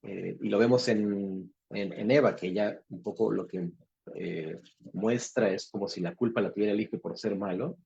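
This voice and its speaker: A man moderating a film discussion group, measured and reflective as he adds to the points raised. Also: fairly low pitch, vocal fry, mellow, highs cut off.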